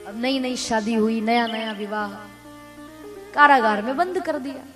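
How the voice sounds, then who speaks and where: A woman narrating a devotional story in a dramatic, animated way. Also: on the high side, a little slow, faint music behind.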